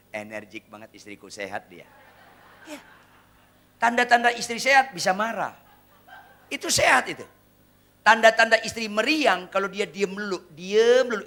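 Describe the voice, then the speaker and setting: In a church, a male pastor with a high-sitting voice delivers a humorous sermon. He teases the congregation, swinging between loud punchlines and hushed asides.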